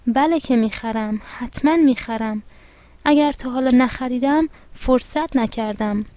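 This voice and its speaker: A woman's voice: a little high, dark tone, lightly acted. A woman voicing a kind, patient mother who talks in a soothing, reassuring way. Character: kind middle-aged mother, gentle and patient.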